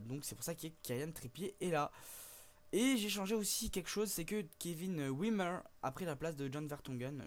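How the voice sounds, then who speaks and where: A young man giving casual, chatty let's play commentary over a football management game, hesitant with many fillers and sudden bursts of excitement. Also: medium pitch. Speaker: gaming YouTuber.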